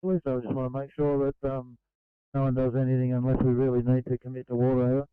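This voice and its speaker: A man's voice: medium pitch, completely flat delivery, fast, clear, resonant tone, no room sound. A man with an Australian accent speaking in terse emergency-service exchanges over a crackly walkie-talkie radio. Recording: dull lo-fi two-way radio transmission.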